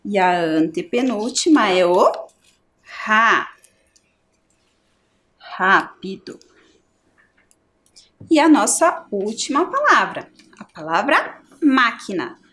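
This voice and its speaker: A middle-aged woman with a Brazilian Portuguese accent, teaching a primary school lesson and splitting words slowly and clearly into syllables. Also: mid-range voice, big pitch swings, fairly bright tone. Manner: slow, clear syllable-by-syllable explanation.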